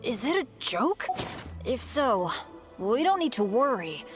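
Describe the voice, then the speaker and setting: A woman's voice: a little high, big pitch swings, a little slow. A woman voicing an eager, earnest young male adventurer in a game cutscene. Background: game music.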